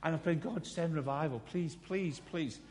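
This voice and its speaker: Scottish preacher, man in his fifties, self-mocking storyteller, a bit high-pitched, long hall reverb. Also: moderate pace, darkish tone. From Scotland. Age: 50s. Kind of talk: sermon.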